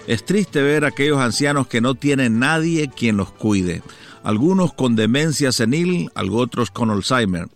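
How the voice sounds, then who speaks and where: A man's voice: mid-range voice, lively intonation, moderate pace, faint music behind. A man hosting a radio program, reading a solemn, scripted introduction. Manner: solemn, read-out delivery. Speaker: radio host.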